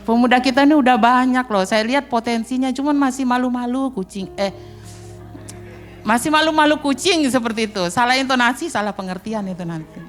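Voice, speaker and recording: A middle-aged woman with an Indonesian accent preaching a sermon in a church, chatty and joking, with quick acted-out asides. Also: a little high, faint music behind. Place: church hall.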